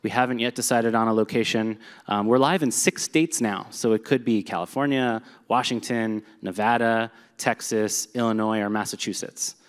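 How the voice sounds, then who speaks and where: At a company meetup, a man with a lowish, clean-toned voice presents live at a moderate pace to an audience. He sounds upbeat and conversational, with some fillers, and a long reverb fills the large, echoey hall.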